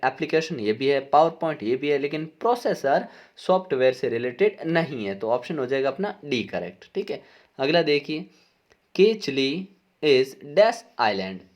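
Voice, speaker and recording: A man, working as a teacher, explains an exam paper. He reads each question out slowly and then explains it with frequent checks that the students are following. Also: fairly high pitch.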